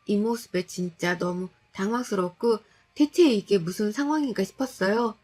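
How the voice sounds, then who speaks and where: A woman's voice: medium pitch, moderate pace, a little mellow. A woman telling a tense, unsettling first-person story in a confessional, retelling way.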